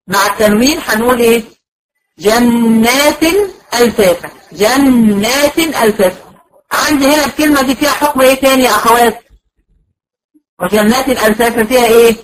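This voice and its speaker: A woman with an Egyptian accent giving a patient, explanatory recorded lecture to a class, drawing out example words slowly. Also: on the high side, husky, low-quality recording. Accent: Egyptian Arabic. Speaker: teacher.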